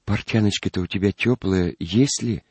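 A man reading a storybook aloud, voicing a gentle, frightened young peasant girl with a soft, tearful voice. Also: sits low, moderate pace, breathy edge, no room sound, voice pushed up. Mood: sorrowful.

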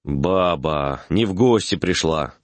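A man's voice: mid-range voice, sing-song, takes it slowly, slightly rough, no room sound, full character voice. A man reading the part of an impatient country doctor who scolds and mocks his patients. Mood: gruff. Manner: mocking, scolding. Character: gruff rural male doctor, impatient and scolding.

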